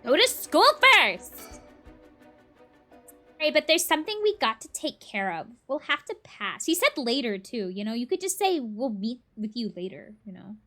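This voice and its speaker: A woman's voice: a little high, very animated, normal speed, pushed and bright, faint music behind. A woman casually playing a game with a friend, reading character dialogue aloud in voices. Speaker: let's play co-host voicing game characters.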